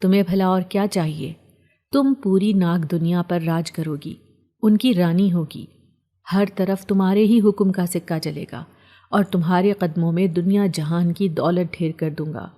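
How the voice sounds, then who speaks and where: This is a storybook reading. A possessive male serpent in human form speaks with quiet menace, and his voice sits low and soft-edged, as a woman storyteller reads his part. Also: fairly even intonation, lightly acted. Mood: coaxing. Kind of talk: storybook narration.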